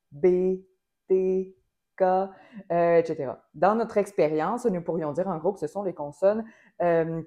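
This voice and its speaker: Female singing teacher, Québécois accent, low warm voice, precise and hesitant delivery. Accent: Québécois French. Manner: careful, precise, with frequent hesitations. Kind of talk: explanatory vocal lesson.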